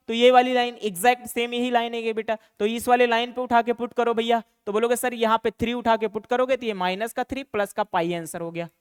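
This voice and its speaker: The speaker is a young maths teacher in an online exam-prep lesson, quick and chatty, who uses "beta" and "bhaiya" for his students and answers his own questions. His pitch is very high and his tone clean. The sound is clean studio audio with no echo.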